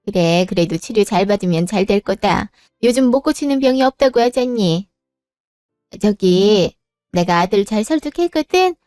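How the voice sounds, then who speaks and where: Woman voicing older mother-in-law, firm n reassuring, smooth slightly high voice, dry sound. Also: animated, moderate pace, darkish tone, no echo, soft background music, lightly acted. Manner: firm, scolding yet reassuring.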